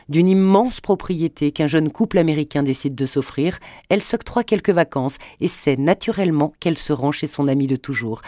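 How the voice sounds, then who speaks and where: A man reading a novel aloud in a measured, even storytelling manner. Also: on the high side, no room sound, clean studio sound. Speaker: audiobook narrator. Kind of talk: scripted narration.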